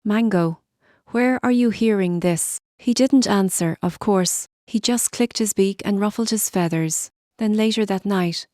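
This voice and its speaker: A woman's voice: mid-range voice, darkish tone, no echo, studio quality. Woman reading a horror story. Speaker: narrator. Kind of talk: scripted horror story narration.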